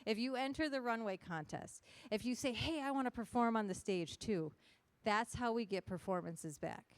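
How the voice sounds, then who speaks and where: A woman's voice: fairly high pitch, moderate pace, dry recording. A woman emceeing a costume contest on stage, chatty and joking as she rallies the crowd. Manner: chatty, joking, rallying the audience. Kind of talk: lively stage hosting to a crowd.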